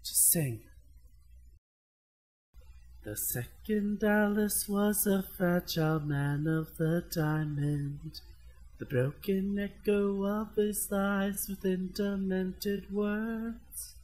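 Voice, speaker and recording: Girl doing fragile crazy young guy in a fan radio play, super slow dramatic talk, music behind. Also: mid-range voice, darkish tone. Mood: dazed, haunted. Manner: theatrical, dramatic delivery. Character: fragile, unhinged young man obsessed with blood, an Alice. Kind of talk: amateur fandub radio play acting.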